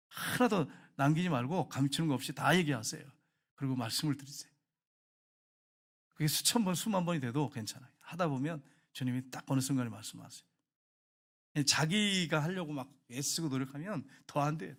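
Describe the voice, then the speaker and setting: A man's voice: a little high, fairly bright tone. A male pastor preaching a sermon in an emphatic, exhorting way, pressing his points to the congregation.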